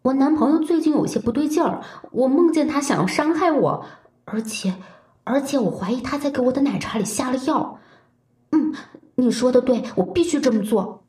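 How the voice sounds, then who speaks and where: A woman's voice: high-pitched, lively intonation, moderate pace, mellow. A woman playing a suspicious young girlfriend confiding hesitantly over the phone in an audio story. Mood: uneasy, secretive. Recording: roomy, distant from the mic.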